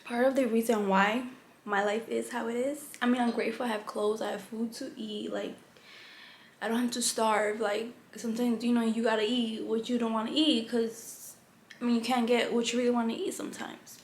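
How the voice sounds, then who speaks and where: A young woman talks in a loose, candid vlog ramble, dropping "like" everywhere and restarting her thoughts. Her voice sits a little high, and the room rings with echo over a faint hum. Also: flat delivery, normal speed. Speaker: vlogger. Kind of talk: casual chat.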